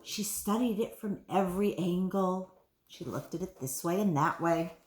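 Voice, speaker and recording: A woman's voice: lowish voice, normal speed. A woman, a preschool teacher, reading a picture book aloud to children and asking them questions. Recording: roomy room echo.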